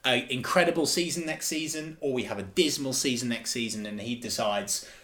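A man's voice: mid-range voice, a little fast, fairly bright tone. A man co-hosting a casual football podcast, talking emphatically and with enthusiasm, often repeating himself. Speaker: podcast co-host.

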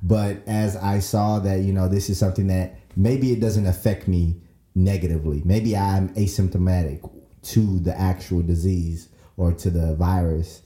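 Deep dark-voiced man, roomy sound. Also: level tone, normal speed. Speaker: co-host. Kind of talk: casual chat. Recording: roomy echo.

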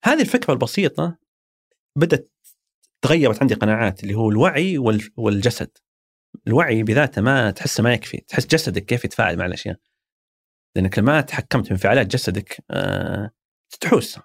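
A man's voice: on the low side, animated, fast talker, creaky, husky, no room sound, studio quality. A man with a Saudi accent, a guest in an interview, talking thoughtfully and explaining ideas through everyday examples. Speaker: interview guest, former marketing executive. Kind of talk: reflective conversational interview.

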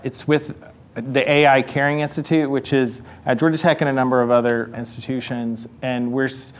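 A man speaking on a panel discussion in a casual, animated way, often saying "like" and "right.". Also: medium pitch, moderate pace. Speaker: researcher.

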